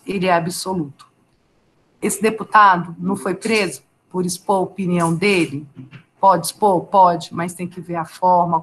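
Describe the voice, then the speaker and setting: A Brazilian woman teaching a live online law class, talking conversationally, asking students questions and answering them by name. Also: fairly low pitch. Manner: conversational, asks students questions and reads their names from chat.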